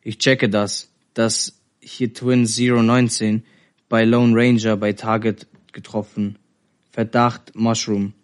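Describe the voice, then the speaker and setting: A man voicing a curt, emotionless male drone commander who gives clipped orders in a flat, low voice. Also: slow. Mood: matter-of-fact.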